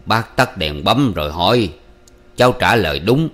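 A man voicing an old man, a former cook, who questions slowly and deliberately. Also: low-pitched, lively intonation, fairly bright tone. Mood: probing. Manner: slow, probing, deliberate.

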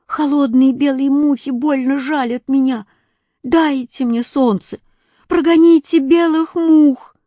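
A woman voicing a shivering, freezing little boy in a storybook, with a high pleading voice. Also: fairly even intonation, takes it slowly, warm tone, no room sound.

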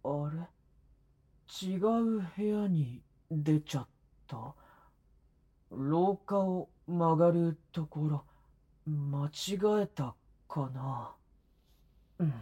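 A man playing a gentle, timid young vampire in an intimate audio drama, speaking softly and hesitantly with breathy murmurs. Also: a little high, dull audio, exaggerated voice.

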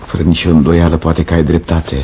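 A man's voice: extremely low pitch, completely flat delivery, dark tone, a little hiss or hum. An actor playing a smug, fawning young footman in a radio play, with affected speech.

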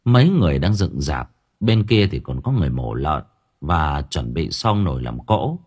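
A man narrating a first-person horror story for an audiobook in a measured, expressive way. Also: extremely low pitch, breathy edge.

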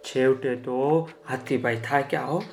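A man telling a children's story in an expressive, lively way, asking his listeners questions. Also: mid-range voice, unhurried, vocal fry, faint music behind.

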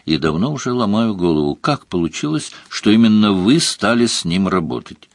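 A man's voice: fairly low pitch, sing-song, normal speed, no echo. A man voicing a wry, battle-hardened soldier. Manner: dry, self-mocking. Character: seasoned soldier hero, ironic man.

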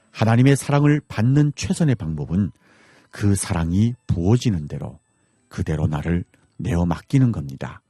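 Man, North Korean accent, dark raspy voice, dry close sound, formal earnest radio preacher, scripted delivery, music underneath. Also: fairly low pitch, no room sound. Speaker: radio host and missionary.

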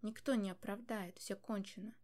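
A woman's voice: medium pitch, steady tone, normal speed, close to an everyday voice. A woman voicing a weary, grave old king. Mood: resigned. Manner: quiet, heavy, resigned.

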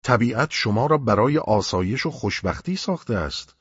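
A man narrating a literary audiobook in a measured, reflective first-person reading with a husky voice. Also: medium pitch, expressive, fairly bright tone, dry recording, lo-fi sound.

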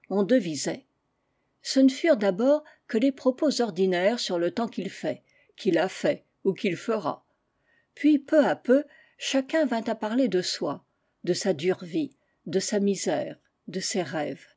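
A woman narrates a classic literary tale in a calm, measured audiobook reading. Her tone is mellow and warm, and her pitch is average. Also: slightly rough. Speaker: audiobook reader.

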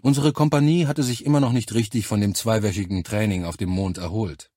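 A man reading a science fiction novel aloud in calm, measured first-person narration. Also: on the low side, no echo, studio quality. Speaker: audiobook narrator.

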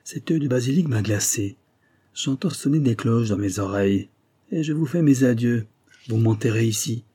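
A man's voice: medium pitch, lively intonation, moderate pace, dark tone, slightly rough. A man reading aloud and voicing a shaken male army surgeon who tells a story with urgent, fearful emphasis. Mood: frightened.

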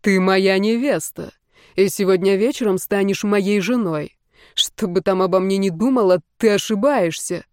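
A smug young emperor, read by a woman narrator in a storybook audiobook. He speaks in a calm, measured way, with a level mid-pitched voice. The recording is dry and close. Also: clear, resonant tone, dry recording, natural voice. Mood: cold assured.

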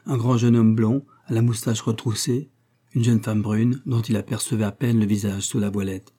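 A man narrating a classic novel as an audiobook in a measured, steady manner. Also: fairly low pitch, slightly rough. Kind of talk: scripted narration.

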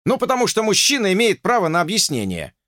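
A man's voice: high voice, huge pitch swings, fast, fairly bright tone, dry recording, clean studio sound, voice pushed up, full character voice. A man voicing an agitated, lovesick young man who talks insistently and stammers.

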